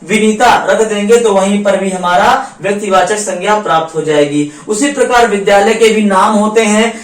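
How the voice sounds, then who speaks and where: A man's voice: high voice, normal speed, distant mic. A man teaching a grammar lesson for exam preparation, repeating key points and asking questions, then answering them himself. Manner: repetitive, asks and answers his own questions. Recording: echoey room, voice away from the mic.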